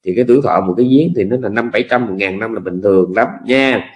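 A man with a Southern Vietnamese accent giving a Buddhist dharma talk as a monk, speaking in a folksy way with lots of repetition and drawn-out phrases. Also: on the low side, a little mellow.

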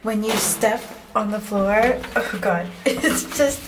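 A young woman chatting casually to a handheld camera as a travel vlogger, animated and quick to laugh. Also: medium pitch, noisy background. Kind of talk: casual vlog narration to camera.

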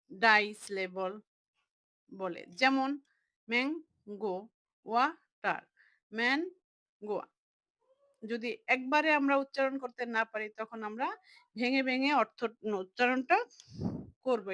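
A young woman teaching a lesson, slowly explaining and repeating words as she breaks them into parts. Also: fairly high pitch, bright, forceful tone, no room sound, rough recording.

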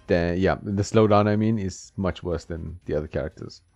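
Pitched low and a little mellow, he talks at a moderate pace over game music, chuckling and bantering with on-screen characters during a casual let's-play. The recording is dry, captured on a slightly dull lo-fi mic.

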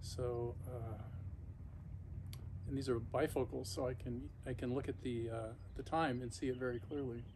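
Sitting in an ice bath on his backyard patio, a vlogger in his fifties or sixties talks casually and off the cuff to a camera or phone a few feet away. His voice is medium in pitch with fairly even intonation, and he's reflective and halting, stopping mid-sentence. Clear outdoor ambient noise surrounds him, and the camera sits some feet off.

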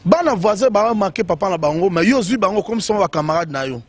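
High-voiced man, animated chatter. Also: fast talker. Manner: animated, emphatic, short bursts with many fillers. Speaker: commentator. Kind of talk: casual commentary on music news.

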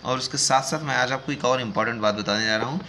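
A man hosting an education news video talks casually to viewers as if they were friends, reading out news excerpts as he explains. His voice is bright and mid-range, his pace quick, with slight background noise.

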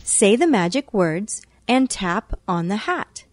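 A woman's voice: mid-range voice, expressive, slow pace, darkish tone. A woman reading scripted instructions as narrator of a children's reading game, with careful phrasing. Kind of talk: scripted read-along instruction.

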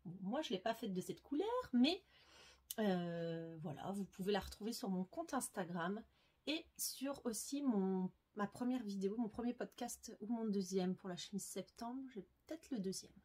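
A woman's voice: medium pitch, moderate pace, a little mellow, husky. A woman sewing vlogger chatting casually and enthusiastically, with frequent fillers and self-corrections. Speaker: sewing YouTuber. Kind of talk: casual book review vlog.

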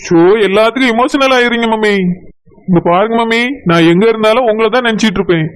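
Brief: man as upbeat young son in a village cartoon, quick and high, coaxing, Kanyakumari Tamil. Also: smooth, lightly acted. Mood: reassuring. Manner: reassuring, coaxing.

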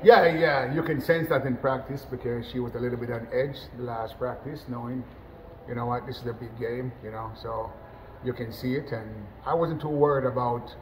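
A middle-aged man from Jamaica, a national team football coach, talking in a relaxed post-match interview over a webcam, full of "you know" fillers and restarts. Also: mid-range voice, normal speed, slight background noise, rough recording. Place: indoors, in front of a sponsor backdrop.

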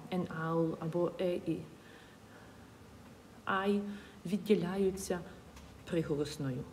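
Mellow-voiced woman teaching patiently. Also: mid-range voice, slight background noise. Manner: patient, spells out and repeats words step by step. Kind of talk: explaining English grammar in a lesson.

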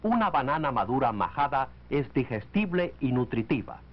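The voice belongs to a man narrating an educational picture from the 1940s, muffled by its lo-fi old audio. Pitch stays mid-range but swings with animation. He reads his prepared lines in a deliberate, explanatory way.

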